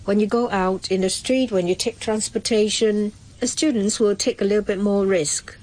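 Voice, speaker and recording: A woman acting as a live interpreter voice, rendering an official's words in first person, steady with small restarts. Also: mid-range voice. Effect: live interpreter voice, speaking for an official.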